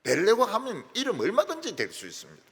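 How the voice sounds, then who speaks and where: A male pastor preaching a sermon with emphatic swings between loud peaks and soft drops. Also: sits high, huge pitch swings, fast, gravelly, slightly rough. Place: church sanctuary. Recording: long reverb of a large church hall.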